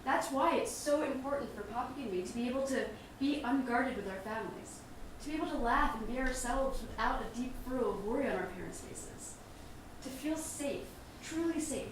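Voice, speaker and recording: An actress playing a calm, reflective partner speaking to her partner's family. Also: sits high, natural voice. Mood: earnest. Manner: measured, reflective. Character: calm thoughtful partner of the daughter, outsider at dinner. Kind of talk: film drama dialogue. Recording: roomy distant mic, faint hiss.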